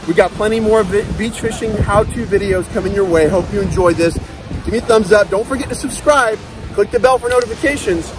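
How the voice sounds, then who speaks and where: Working a cast net on a sandy beach, a man in his thirties hosts his fishing channel in an upbeat way, often addressing viewers as "guys" and repeating "okay." His voice sits high, and the low-quality recording carries beach noise behind him.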